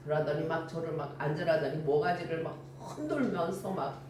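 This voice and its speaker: A woman's voice: deep voice, fairly quick, a little hiss or hum. An older woman preaching a sermon and telling stories animatedly, acting out the dialogue. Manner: animated storytelling with acted-out dialogue. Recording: echoey room from far off with faint ambience.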